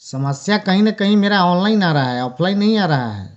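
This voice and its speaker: A man's voice: high voice, expressive, a little fast. A man from Bihar, a parent on a phone call, hesitant and repeating his words as he objects. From Bihar, India. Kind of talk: phone conversation.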